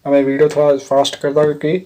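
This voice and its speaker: Racing through in a completely flat, dark voice on the high side, a man teaches an English vocabulary lesson. He spells words letter by letter, explains them patiently, and frequently says "theek hai."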